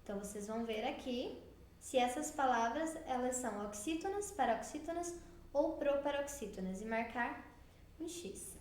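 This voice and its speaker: Brazilian lady teacher going thru a worksheet for kids, high voice, slow and patient, echoey room w/ a bit of hiss. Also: lively intonation, darkish tone. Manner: slow, patient, explaining step by step. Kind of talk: recorded remote class walkthrough.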